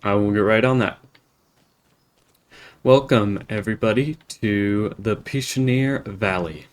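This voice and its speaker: An American man giving in-character roleplay commentary while playing a farming game, halting and rambling with many restarts. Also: fairly low pitch. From United States. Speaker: game roleplayer and channel host.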